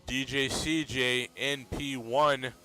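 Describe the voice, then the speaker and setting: A man commentating a sim racing league race in a relaxed, steady play-by-play manner. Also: medium pitch, takes it slowly. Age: adult.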